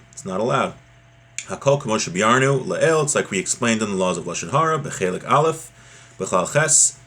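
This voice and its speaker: A man teaches an informal religious lesson, reading a text aloud and then explaining it conversationally, often checking in with "right?". His voice is lowish and husky, with a fairly bright tone.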